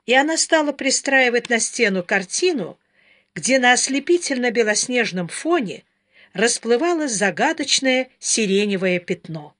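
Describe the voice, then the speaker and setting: A woman narrating a novel as an audiobook in a measured, dramatic reading. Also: fairly high pitch, lively intonation, fairly bright tone.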